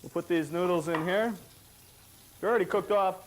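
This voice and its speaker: A man's voice: sits high, normal speed, a little hiss or hum. A man co-hosting a cooking demonstration on an old TV show, chatty and jokey, pleased with his own dishes. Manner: jokey, chatty, self-satisfied.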